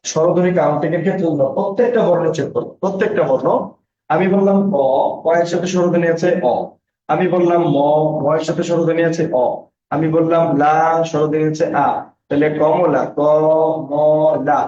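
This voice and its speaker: A man leads a class, reading out student names and asking the same question again and again until they get it. His voice sits fairly high but sounds mellow. He is far from a dull mic in an echoey room. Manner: drills students with repeated questions; reads out student names and answers. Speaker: Bangla teacher. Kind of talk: online class lecture.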